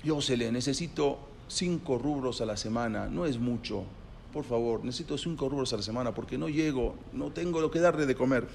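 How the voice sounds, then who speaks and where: A storyteller plays a poor, worn-out father begging for a little money. He speaks softly and humbly, his voice low and quiet with need. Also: a little fast, creaky, slight background noise, close to an everyday voice. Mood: pleading. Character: poor, tired, hungry man pleading.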